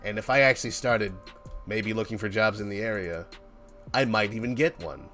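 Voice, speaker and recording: Over background music, a man with a lowish, bright, forceful voice at normal speed hosts a game developer's livestream. He rambles casually and playfully, joking around and acting out little imagined exchanges.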